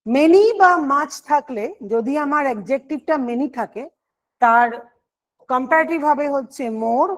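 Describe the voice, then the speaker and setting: High-voiced woman teaching grammar. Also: moderate pace. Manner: explains step by step, asks and answers her own questions. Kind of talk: online exam-prep grammar lesson.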